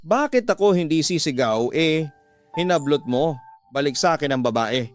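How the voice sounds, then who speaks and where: A man voicing a frightened young woman who shouts accusations in shrill panic. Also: expressive, moderate pace, faint music behind, lightly acted. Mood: accusing.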